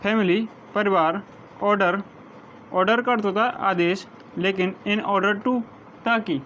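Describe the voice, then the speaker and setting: A male teacher slowly dictating vocabulary meanings to his class, spelling some words out letter by letter. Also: sits high, steady tone, fairly bright tone. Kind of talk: vocabulary lesson, reading word meanings. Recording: dull lo-fi sound with faint noise.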